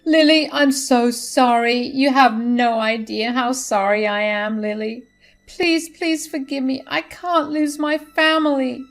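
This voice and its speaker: A woman voicing a desperate, scheming middle-aged mother-in-law who pleads in a high, loud voice. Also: lively intonation, measured pace. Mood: tearful.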